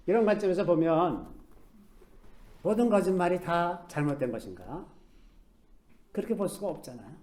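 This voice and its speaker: Middle-aged guy preaching, chatty storytelling sermon, kinda high but mellow voice. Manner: conversational storytelling sermon, acts out quoted speech softly. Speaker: pastor.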